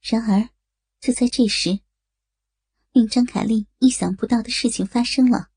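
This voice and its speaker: A woman narrating a scripted story in a steady storytelling manner. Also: on the high side, moderate pace, slightly rough, no room sound.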